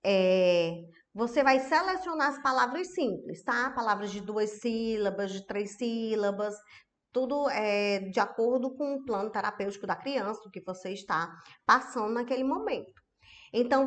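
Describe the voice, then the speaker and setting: A woman's voice: on the high side, fairly bright tone. A woman, an educational psychologist giving an online masterclass, chatty and often checking in with her audience. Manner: chatty, tag questions to the audience.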